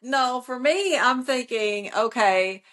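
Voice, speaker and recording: A woman co-hosts a relaxed yoga podcast in a bright, slightly high voice. She speaks slowly and playfully, drawing out her phrases, and laughs often. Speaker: podcast co-host, yoga teacher. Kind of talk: casual chat.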